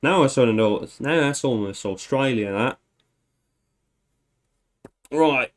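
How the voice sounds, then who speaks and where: Slow, rambling man thinking aloud. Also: medium pitch, animated. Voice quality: meandering, self-correcting, chuckling. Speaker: livestream host. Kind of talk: casual thinking-aloud livestream.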